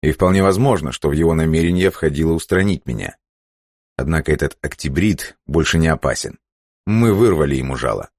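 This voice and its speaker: A man reading an audiobook voices a furious, ruthless male leader who barks orders in a raised, sharp voice. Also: rumbling low, lively intonation, a little fast, no echo, studio quality, heavily acted. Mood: tense.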